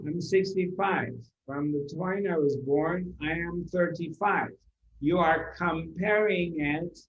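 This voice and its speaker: The echo of the room hangs around a man giving a spiritual talk to a live, seated audience, captured in a somewhat dull, roomy recording. A spiritual teacher by role, he speaks very slowly at a slightly raised pitch, lingering on repeated phrases and rhetorical questions.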